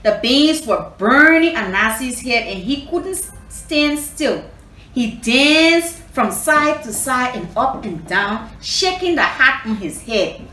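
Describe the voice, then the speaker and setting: Here a woman from Liberia leads a children's story reading and lesson, teacherly in style, repeating points and posing questions to the kids. Her high voice has lively intonation and a pushed, bright quality, and she goes slowly. The space is echoey with noticeable background noise.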